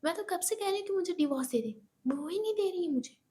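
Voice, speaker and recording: A woman's voice: high-pitched, moderate pace, warm tone, natural voice. A woman doing a defiant young wife. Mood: indignant. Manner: firm, indignant pleading. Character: young wife, defiant and protective of her sister.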